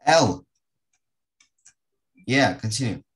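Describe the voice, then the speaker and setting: With an extremely low voice, lively intonation, and drawn-out words, a woman leads a casual English lesson with word games on a video call. As an online teacher, she speaks in short prompts and calls on her pupils.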